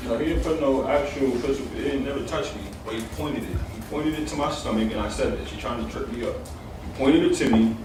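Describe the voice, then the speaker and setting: Halting, defensive male witness, fast and echoey. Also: mid-range voice. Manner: halting, repeats himself, defensive. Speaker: witness under cross-examination. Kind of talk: courtroom testimony. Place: large indoor courtroom. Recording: noisy echoey courtroom, distant mic.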